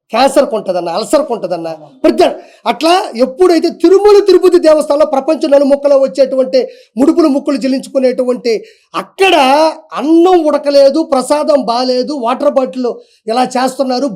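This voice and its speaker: A man with a strikingly high voice tears through a heated, defiant rant as an interview guest. He talks fast and drives each point home by repeating it, challenging anyone to prove him wrong. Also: warm tone. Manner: fiery, defiant, repeats for emphasis.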